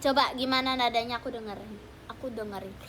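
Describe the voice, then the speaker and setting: A woman's voice: a little high, fairly even intonation, fast, a bit bright, slight background noise. A teenage girl hosting a casual livestream chat with fans, playful and teasing, talking at home at night. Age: teens. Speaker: idol livestream host.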